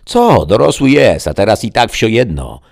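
A man voicing a gruff middle-aged family father in an audiobook, talking in a low, creaky rasp. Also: sing-song, normal speed, darkish tone.

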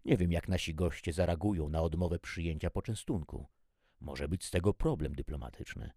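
A man doing a calm, persuasive official. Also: low-pitched, brisk, dry recording, studio quality.

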